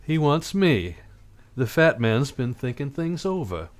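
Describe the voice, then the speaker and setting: A man's voice: mid-range voice, very animated, unhurried. Man as Sam Spade, swooping wisecracking detective. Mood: mocking. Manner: sardonic, clipped, casual. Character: wisecracking, tough, cynical male private detective. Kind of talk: old-time radio play acting.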